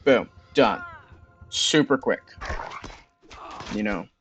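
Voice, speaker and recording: A man's voice: on the low side, lively intonation, drawn-out words, a bit bright, a little hiss or hum. Offhand man doing gameplay commentary. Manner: offhand, rambling with fillers.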